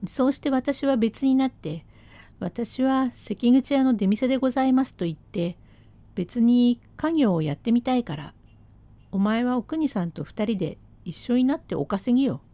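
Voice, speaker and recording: A woman's voice: on the high side, lively intonation, normal speed, mellow, no room sound, close to an everyday voice. A woman doing a sarcastic scolding Edo wife. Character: sharp-tongued hardworking Edo wife, scolding and reproachful. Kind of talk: rakugo storytelling.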